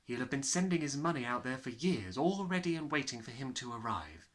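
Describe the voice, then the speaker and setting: A man voicing a gentle, kindly woman teacher in a storybook, soft-spoken, calm and measured. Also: medium pitch, lightly acted. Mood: matter-of-fact.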